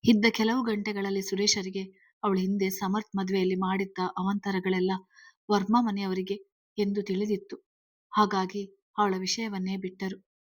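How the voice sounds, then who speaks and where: A woman narrating a serialized story in a steady reading style. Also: mid-range voice, moderate pace, no room sound.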